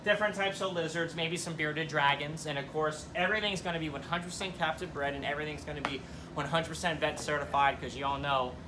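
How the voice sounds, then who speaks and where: A man's voice: a little high, steady tone, fairly quick. A young man hosting a casual, enthusiastic tour, talking directly to viewers as he shows things around an indoor showroom. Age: young adult. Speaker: host giving a shop tour. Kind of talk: casual informal tour narration. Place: indoor showroom full of terrariums. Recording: clear background noise, terrarium room ambience.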